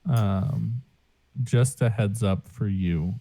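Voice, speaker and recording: A man's voice: on the low side, slow pace, warm tone. A man playing in a tabletop role-playing game, talking casually and hesitantly with many restarts. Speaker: player.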